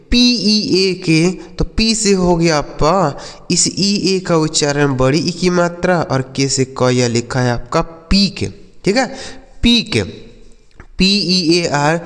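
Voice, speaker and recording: A man teaching English spelling to children, sounding letters out slowly and answering his own questions. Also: fairly high pitch, clear, resonant tone, long reverb tail.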